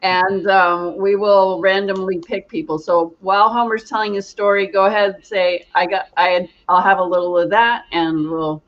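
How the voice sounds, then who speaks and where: Animated woman telling a ghost story. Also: mid-range voice, moderate pace, hardly any pauses. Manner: animated, acts out quoted reactions. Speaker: energy healer and host. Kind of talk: casual storytelling chat. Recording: dull lo-fi sound.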